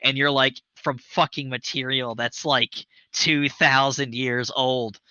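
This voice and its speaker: A thirty-something man hosts a livestream chat show, enthusiastic and long-winded, full of fillers and cursing to drive points home. His mid-range voice is pushed, bright and smooth, with a steady tone and an unhurried pace. The recording is dry, echo-free and a touch dull, typical webcast sound.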